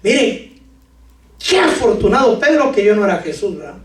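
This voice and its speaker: A man preaching a lively sermon to his congregation with jokes, sudden shouts and talk of brothers. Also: sits high, normal speed. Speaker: pastor. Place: church hall. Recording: echoey church hall from far off.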